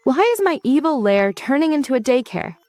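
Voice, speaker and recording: A woman's voice: medium pitch, very animated, moderate pace, no room sound, soft background music. A woman voicing a theatrical, sarcastic young male villain in a comic recap, speaking in a mock-polite, dramatic way. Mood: indignant whining.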